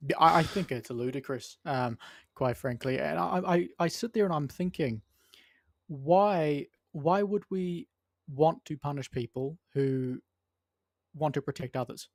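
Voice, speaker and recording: A man's voice: on the high side, unhurried, gravelly, no room sound, studio quality. A man co-hosting a podcast, giving conversational opinions and thinking aloud in broken phrases. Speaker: podcast co-host. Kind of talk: opinion talk, conversational commentary.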